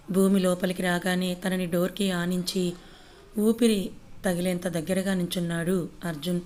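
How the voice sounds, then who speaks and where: Woman storyteller, low and level delivery, steady audiobook narration.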